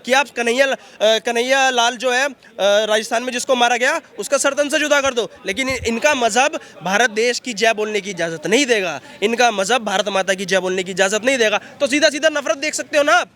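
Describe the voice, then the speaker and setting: High-pitched, bright, forceful man ranting. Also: a little fast, few pauses. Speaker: interviewee on street. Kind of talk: heated street vox pop.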